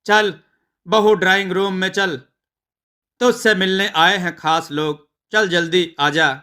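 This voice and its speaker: Narrator as a mocking older mother-in-law, bright and high. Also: steady tone, slow pace, clean tone, exaggerated voice. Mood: scolding. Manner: sharp, mocking.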